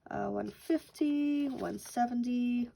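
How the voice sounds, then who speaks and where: A young Canadian woman with a cough speaks slowly in a high-ish, mellow voice with vocal fry, over a little hiss or hum. Hosting a budgeting channel from home, she chats casually and counts cash aloud as she goes.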